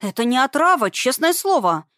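A woman narrator plays a naive, flustered young student in an audiobook, eager and clumsy. The voice sits clearly higher than the narration and comes out earnest and hurried. The recording is dry and close. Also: expressive, dry recording, natural voice. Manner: earnest, hasty, a bit frightened. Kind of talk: audiobook character voice.

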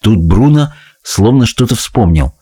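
A man's voice: lowish voice, animated, unhurried, mellow, breathy edge. A man narrating a children's story in the first person, reading expressively. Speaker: audiobook reader.

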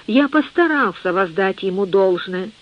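A narrator voicing a quietly proud, fussy male undertaker in an audiobook reading, on a dull lo-fi recording. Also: medium pitch, expressive, normal speed, close to an everyday voice.

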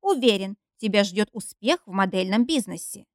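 A woman's voice: medium pitch, expressive, normal speed, no echo, studio quality, close to an everyday voice. A woman reading an audiobook, voicing a young man who speaks firmly and sounds fed up. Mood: firm, weary. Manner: firm, stern and tired.

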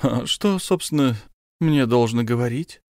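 A man's voice: medium pitch, a little slow, no echo, clean studio sound, close to an everyday voice. A man voicing a careful, hesitant army officer who speaks with old-fashioned politeness in an audiobook. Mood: polite. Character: cautious, polite male army officer, soldierly.

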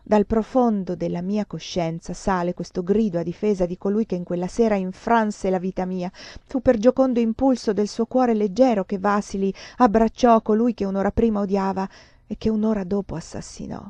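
A woman reading a literary novel aloud in an expressive, dramatic manner, with a dull, muffled sound. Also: medium pitch, normal speed, dry recording. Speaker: reader.

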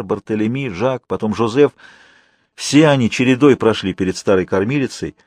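A man reading a historical novel aloud in measured, even scripted narration. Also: on the low side, no echo, studio quality. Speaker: audiobook narrator.

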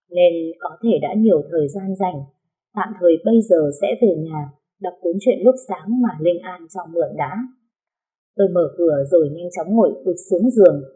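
Woman reading a novel aloud in first person, low husky dark voice, soft and even. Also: low-quality recording. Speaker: audiobook narrator.

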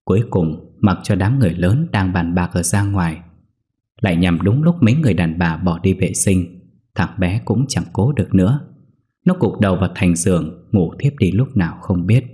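A man narrates a ghost story in a steady, grave manner. His voice is low and deep, with a dark, mellow tone. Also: normal speed. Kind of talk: scripted horror story narration.

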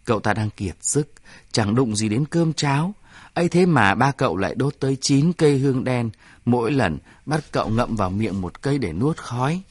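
Male narrator, measured storytelling, mid-pitched voice, dry close recording. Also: expressive, husky, dry recording.

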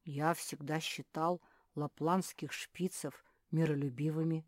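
A woman's voice: sits low, fairly even intonation, a little slow, no echo, studio quality. Woman doing a mild mumbling male dog. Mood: puzzled.

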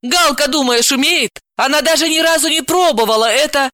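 A woman voicing a hot-tempered young woman who scolds and snaps in a high, indignant voice, in a storybook reading. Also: brisk, pushed and bright, dry recording, studio quality. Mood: scolding.

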